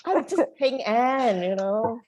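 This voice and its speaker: A woman's voice: a little high, lively intonation, slow, darkish tone. Emphatic woman facilitator, rhetorical questions. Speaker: youth program facilitator. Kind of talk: animated group coaching.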